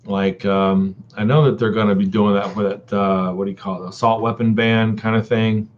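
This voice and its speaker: Man, lowish voice, folksy rambling live-stream chat full of fillers, muffled lo-fi audio. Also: level tone, moderate pace, slight background noise. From Texas. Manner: rambling, many ums and uhs; folksy, addresses viewers as buddy and dude.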